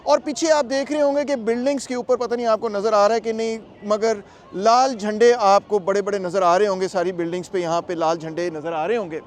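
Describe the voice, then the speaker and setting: A man's voice: high voice, steady tone, fairly quick. A man talking casually to his camera as he narrates a travel vlog and explains things to viewers. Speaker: vlogger and political commentator.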